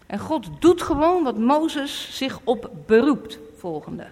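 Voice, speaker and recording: A woman's voice: high voice, sing-song, slow, darkish tone. A woman preaching a sermon, emphatic and repeating her warnings. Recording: echoey hall.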